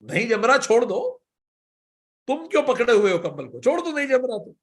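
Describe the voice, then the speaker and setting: Brief: storyteller man as puzzled village folk, exasperated, calling out, high-pitched. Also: big pitch swings, normal speed.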